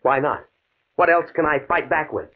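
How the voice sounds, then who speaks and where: In a muffled, band-limited 1950s radio drama, a man with a fairly high voice plays a desperate, coolly fatalistic professor and scientist. He speaks at normal speed, grave, precise, and grimly determined.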